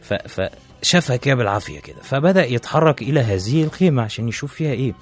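A man with an Egyptian accent tells an old tale in a chatty, casual way at a very fast clip, restarting phrases and turning to the listener with asides. His voice is mid-pitched, and soft music plays faintly behind him. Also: lively intonation, slightly rough. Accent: Egyptian Arabic. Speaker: storyteller. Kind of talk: casual storytelling.

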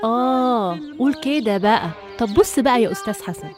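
A woman with an Egyptian accent playing a proud young painter, firm and indignant, over soft music. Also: fairly high pitch, expressive, brisk, lightly acted. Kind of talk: radio drama acting.

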